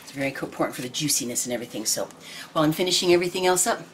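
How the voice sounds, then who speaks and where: A woman in her sixties, hosting a home cooking video in casual chat, homey and chatty with many pauses and ums. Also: low-pitched, expressive. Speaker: home cooking channel host. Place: home kitchen, indoors. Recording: noisy home kitchen recording. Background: clinking dishes and pans.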